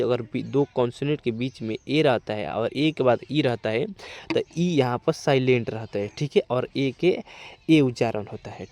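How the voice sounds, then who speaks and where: A man teaching English reading, addressing his students and spelling each word out letter by letter before saying it. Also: medium pitch. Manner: spells words out letter by letter, slowly and loudly; addresses viewers as students, frequent "theek hai". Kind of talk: online reading lesson.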